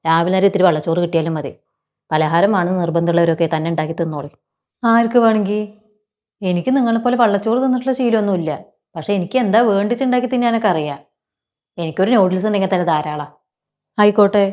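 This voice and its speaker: A woman's voice: mid-range voice, lightly acted. A woman playing a quarrelsome young daughter-in-law, trading sarcastic jabs in a domestic drama. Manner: sharp, sarcastic bickering. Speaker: actor in a family short film.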